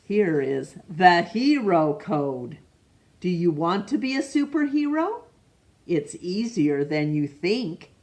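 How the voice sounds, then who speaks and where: A storytime reader with a fairly low pitch and big swings in her voice reads a picture book to children. Gentle and unhurried, she pauses to question the listener and occasionally stumbles over names before rereading them.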